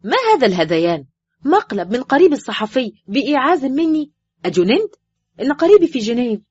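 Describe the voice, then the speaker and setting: A woman reading an audiobook voices a man, a teasing and mocking friend who needles loudly and sounds incredulous. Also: mid-range voice, sing-song, fast talker, husky, dry recording. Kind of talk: audiobook character voice. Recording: dull, dry recording with faint music.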